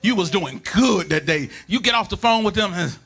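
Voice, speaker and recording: A male pastor, preaching a sermon in a church in a sing-song cadence that builds into shouted, chanted lines, repeating phrases for the congregation to answer. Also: high-pitched, animated, normal speed, gravelly. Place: church sanctuary.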